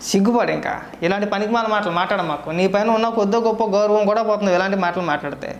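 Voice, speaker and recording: A man giving heated political commentary, scolding his target with rapid rhetorical questions. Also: high voice, roomy sound, muffled recording, a little hiss or hum.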